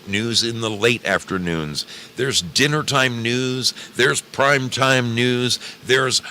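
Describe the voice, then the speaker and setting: Hosting an online radio show, this man talks to his live stream audience in a loose, rambling monologue full of jokes, theatrics, and phrases repeated for emphasis. His voice sits on the low side with a sharp tone, and there's slight background noise.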